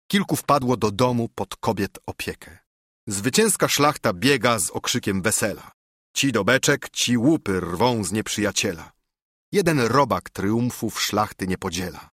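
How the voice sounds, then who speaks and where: Husky male narrator for an epic verse reading, dry and close. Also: lowish voice, fairly bright tone, no room sound. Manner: measured verse recitation. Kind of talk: reading an epic poem aloud.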